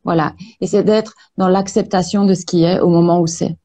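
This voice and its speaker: A woman practitioner explaining energy healing in an interview, speaking calmly with many hesitations. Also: on the low side. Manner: calm, measured, many hesitations. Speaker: Access Bars practitioner, guest.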